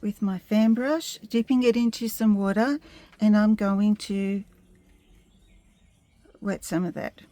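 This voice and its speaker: Slow, mellow woman painting instructor, gentle. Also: mid-range voice, steady tone, no room sound. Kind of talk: step-by-step painting tutorial narration.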